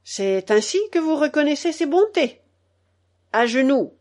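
A woman's voice: medium pitch, slow pace, a little mellow, lightly acted. A woman reading the lines of an indignant, theatrical male tutor. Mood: reproachful. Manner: theatrical, reproachful.

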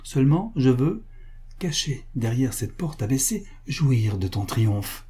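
A man voicing a poised, worldly marquise with a calm, wry manner in a read story. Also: mid-range voice, takes it slowly, slightly rough, heavily acted.

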